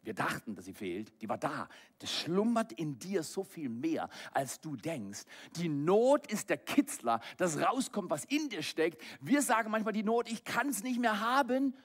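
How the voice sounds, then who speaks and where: A pastor preaches with a fairly high voice. He drops into hushed, low asides, then rises into loud, raised passages. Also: big pitch swings, unhurried, few pauses, slightly rough. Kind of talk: sermon.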